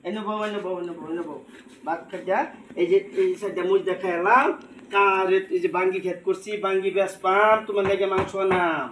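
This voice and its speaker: A man playing a poor, stingy village father who coaxes his son and laments loudly, speaking in a village comedy sketch. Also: high voice, steady tone, a little fast, echoey room, slight background noise. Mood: coaxing. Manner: pleading, then lamenting loudly.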